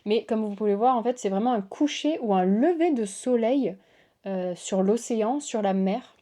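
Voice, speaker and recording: A woman's voice: fairly high pitch, normal speed, dark tone. A woman hosting a casual unboxing chat, gushing and exclamatory as she shows cards to her viewers. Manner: gushing, exclamatory, lots of waouh and oh là là. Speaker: tarot reader and channel host.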